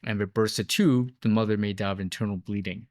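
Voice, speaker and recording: A man's voice: fairly low pitch, fairly even intonation, quick pace, no echo, clean studio sound. A man in his fifties from Taiwan, a biotech founder answering interview questions in an explanatory way with many fillers and tag questions.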